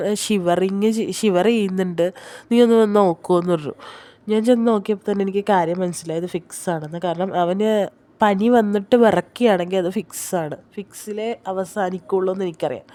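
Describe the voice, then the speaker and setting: A young mother vlogging from a hospital room, feverish and a little under the weather, talking on to her viewers in a loose, rambling way. Her voice sits at a middling pitch with a soft, mellow tone. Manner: chatty and rambling, often turning to the viewers. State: feverish and unwell. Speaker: family vlogger, mother of two small children. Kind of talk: casual vlog chat to viewers.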